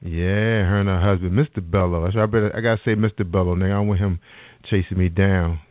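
Male internet radio host, chatty and animated, low voice, muffled lo-fi recording. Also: fast, no room sound. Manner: animated, repeats "that's right", gives shout-outs. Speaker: podcast host. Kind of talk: casual internet radio chat. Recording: dull lo-fi sound with faint music.

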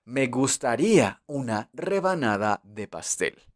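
Slow, patient man teaching English. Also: medium pitch, sing-song. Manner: patient, repeats English words slowly for learners. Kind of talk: beginner language lesson.

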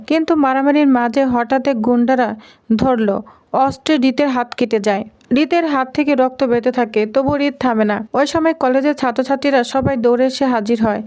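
A woman giving a scripted, steady recap of a TV serial episode, reading the characters' lines aloud in her own plain voice. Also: sits high. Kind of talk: scripted narration.

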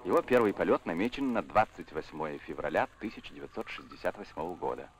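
A man's voice: low-pitched, animated, quick pace, slight background noise. A man narrating a 1960s newsreel with a formal, declamatory announcer delivery, old newsreel sound. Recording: narration over loud music.

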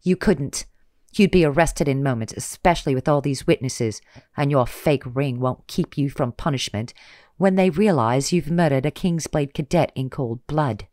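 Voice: mid-range voice, moderate pace, gravelly, a little mellow, dry recording, studio quality, close to an everyday voice. A reader doing a defiant young woman cadet. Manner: fierce, clipped defiance.

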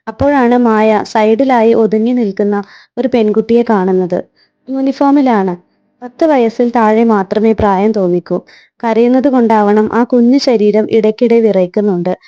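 A woman storyteller reading a romance story in steady, measured narration. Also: a little high, lo-fi sound.

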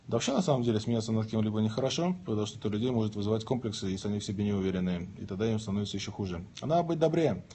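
His voice on the low side and mellow, a man in his thirties races through his livestream with hardly any pauses, sounding expressive. He lies in bed holding his phone at arm's length, reading viewers' questions aloud and joking as he answers. A little hiss or hum is audible.

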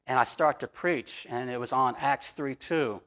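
A man's voice: mid-range voice, unhurried, fairly bright tone. A man preaching a sermon as pastor, telling personal stories in a conversational way with frequent restarts. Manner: storytelling, conversational, with repeated restarts.

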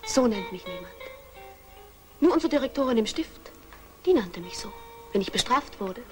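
A woman's voice: on the high side, lively intonation, normal speed, soft background music, natural voice. An actress playing a shy, sheltered young woman with a timid, hesitant manner, in old German film acting. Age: young adult.

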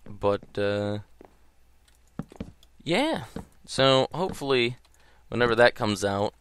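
A man's voice: mid-range voice, very animated, slow pace, fairly bright tone, slight background noise. A man giving casual gameplay commentary in a groggy early-morning voice, rambling and hesitant. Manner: rambling, hesitant, full of ums and trailing thoughts.

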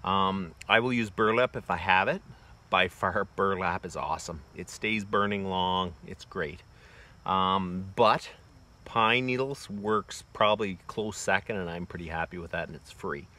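With crickets and insects chirping around him, a homesteading vlogger in his forties walks through a how-to in a wooded bee yard. His voice is low and sharp, a little slow, and plainspoken, with lots of loose fillers. It's captured on a phone camera held close.

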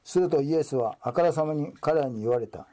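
A man giving a steady, formal Bible reading in Japanese. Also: fairly high pitch, a little fast. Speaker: scripture reader.

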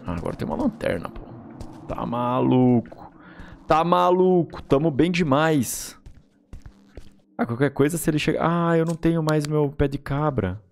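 A man's voice: on the high side, moderate pace, creaky, background noise. A man with a Brazilian accent giving casual, slangy let's-play commentary as a gaming host, reacting and swearing as he goes.

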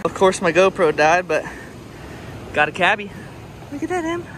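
A man's voice: high voice, sing-song, moderate pace, noisy background. A man narrating a casual vlog in a laid-back, slangy, chatty way. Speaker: vlogger.

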